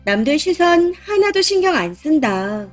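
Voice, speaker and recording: A woman voicing a stubborn, dismissive middle-aged mother-in-law in a narrated story, with a high voice and a changed timbre. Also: very animated, measured pace, soft background music. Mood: defiant. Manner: dismissive and self-assured.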